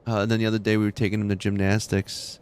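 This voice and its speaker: A man's voice: fairly low pitch, monotone, fast talker, a little mellow, clear, resonant tone. A man streaming a game from his room at home, chatting casually with viewers and telling rambling, laughing anecdotes full of restarts. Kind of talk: casual chat with stream viewers while gaming.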